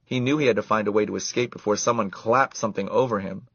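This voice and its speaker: A man reading a children's story aloud in an expressive, animated way. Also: fairly low pitch, fast, creaky, husky, no room sound. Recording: dull lo-fi dry recording.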